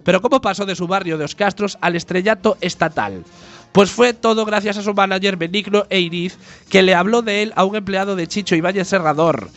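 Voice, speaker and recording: A man's voice: sits high, fairly quick, fairly bright tone. A man from Galicia hosting a podcast, telling a story with mock-grandiose, ironic flair. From A Coruña, Galicia, Spain. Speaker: podcast host. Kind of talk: scripted podcast narration and banter.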